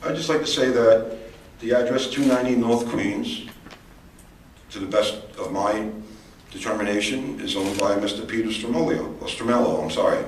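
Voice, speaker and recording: A man from the public questioning a town official at a meeting, hesitant and halting but politely persistent. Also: lowish voice, steady tone. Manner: hesitant, full of fillers and restarts, politely persistent. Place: large echoey public meeting hall. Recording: echoey hall, distant mic, faint room noise.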